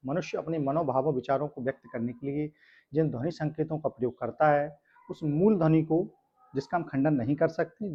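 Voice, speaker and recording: A male teacher from India explaining a grammar lesson step by step, often checking in with tag questions. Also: a little high. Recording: dull lo-fi sound.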